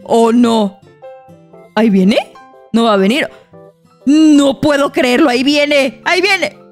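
A young woman giving excitable Roblox gameplay commentary, talking to her viewers and shrieking when startled. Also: on the high side, takes it slowly, faint music behind. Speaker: gaming YouTuber.

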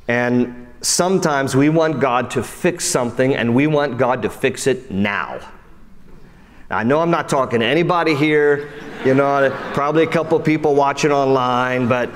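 A man preaching a sermon, animated, often dropping low and soft for emphasis and speaking straight to his listeners. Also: in a large hall. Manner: acts out quoted voices and speaks straight to listeners. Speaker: pastor.

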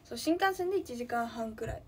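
A woman's voice: on the high side, lively intonation, fairly quick, a little hiss or hum. A young woman from Nagano, chatting casually on a livestream, thinking aloud and greeting viewers often. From Nagano, Japan. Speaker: livestreaming idol.

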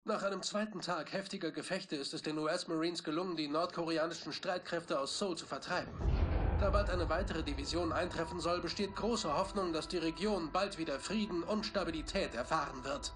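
An actor playing a formal news reporter reading a scripted war report for a game. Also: male voice, on the high side, fairly quick, noisy background, close to an everyday voice.

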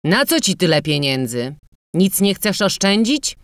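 A woman's voice: fairly low pitch, big pitch swings, measured pace, dry recording, studio quality, pitched above the performer's own voice. A woman voicing a stern older male manor landlord who asks reproachful, grumbling questions in a storybook reading.

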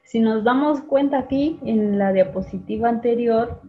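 A woman teacher runs an online class, patiently calling on students by name and repeating sounds slowly. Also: a little high. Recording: tinny phone-like video call audio.

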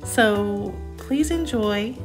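A middle-aged woman walks through her thrift haul at a table, talking in an easy, upbeat way with plenty of "um"s and "you know"s. Her voice sits at an ordinary pitch, and faint music plays softly behind her. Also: animated, very slow. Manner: chatty, upbeat, with fillers. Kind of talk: casual haul show-and-tell. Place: indoors at a table.

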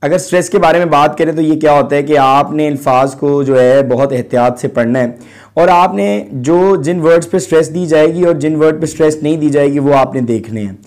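A man teaching an English lesson, explaining in Urdu and reading the English words out slowly with drawn-out emphasis. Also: fairly high pitch, fairly even intonation, a little mellow. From Pakistan. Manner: slow and deliberate, mixing Urdu with English. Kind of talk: recorded classroom lesson.

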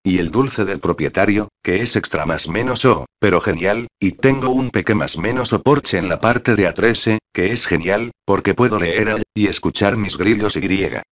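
A man reading the part of an impulsive, chatty young woman in a flat, even way, without changing his own voice. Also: lowish voice, normal speed, hardly any pauses, highs cut off, close to an everyday voice.

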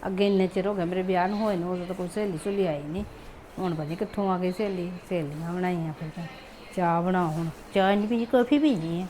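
A woman's voice: lowish voice, fast, dark tone, slight background noise, close to an everyday voice. A woman playing a resentful young daughter-in-law who grumbles under her breath with a Punjabi accent.

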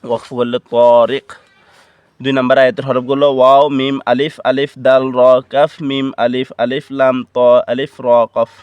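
Male Quran teacher, Bangladeshi Bengali accent, steady monotone syllable drilling, dry close sound. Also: mid-range voice, smooth, dry recording, dull audio. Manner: rhythmic, repetitive, measured syllable drilling. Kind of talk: spelling out letters and syllables slowly for learners.

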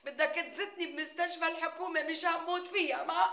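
Scheming Damascene neighbor lady, high, sharp, wailing, flattering, roomy studio sound. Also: fast talker, exaggerated voice. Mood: pleading. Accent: Damascene Syrian. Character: scheming melodramatic middle-aged neighbor woman. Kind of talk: TV sitcom acting.

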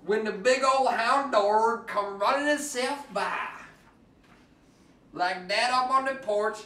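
A high-pitched man takes his time reading a picture book aloud in Cajun dialect, his bright, forceful tone lending a theatrical, playful and exaggerated flair. He is picked up by a distant mic in a room with echo.

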